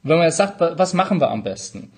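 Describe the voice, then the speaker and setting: A man from the Palatinate in Germany, a lawyer, mediator and negotiation trainer, speaks as an interview guest, explaining conversationally and illustrating his points with examples. His voice is fairly high, sing-song and a little mellow, and he talks quickly.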